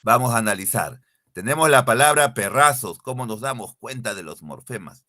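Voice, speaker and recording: A man teaches an online lesson over a computer mic, drilling definitions and firing exam-style questions at his students. His voice is bright and forward, with a pitch that rises and falls widely. The sound is dry and close, with no room echo. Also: expressive, normal speed. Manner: repeats key definitions, quizzes students directly. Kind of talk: online exam-prep class. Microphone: computer mic, screen sharing.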